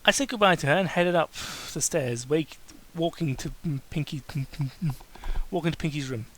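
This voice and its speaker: At medium pitch and a moderate pace, a host dramatically reads fan fiction aloud for comedy. The delivery is scornful and exasperated, with stumbles over the words and pauses for sarcastic side comments.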